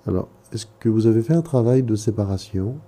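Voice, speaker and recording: Guy analyst, really dark soft-edged voice, kinda low, measured probing questions. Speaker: psychoanalyst interviewing a caller. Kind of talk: probing therapeutic conversation.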